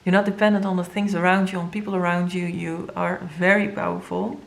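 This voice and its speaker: A woman with a Dutch first language giving an earnest, halting tarot reading to viewers, with many fillers and moments where she grows emotional. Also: fairly low pitch, flat delivery, creaky. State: emotional, near tears. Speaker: tarot reader.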